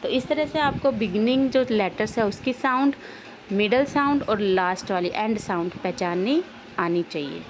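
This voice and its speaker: A woman's voice: mid-range voice, expressive, moderate pace, a little hiss or hum. A woman teacher explaining a textbook lesson, asking questions and then answering them herself, with English words mixed into her Hindi.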